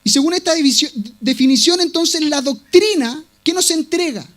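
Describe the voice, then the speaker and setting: A man preaching a sermon in a strikingly high voice. He is emphatic and insistent, circling back to the same words to drive each point home. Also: normal speed, a bit bright. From Latin America. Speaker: pastor.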